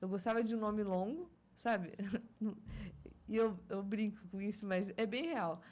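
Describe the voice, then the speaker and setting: A Brazilian woman in her thirties, appearing as a guest mother, talks casually about motherhood, often laughing and reflecting on faith. Her mid-range voice is unhurried with a darkish tone.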